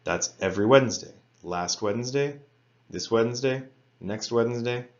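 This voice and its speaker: A man teaching an English grammar lesson to students, reading example sentences slowly and carefully. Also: mid-range voice, lo-fi sound. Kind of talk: recorded lecture for students.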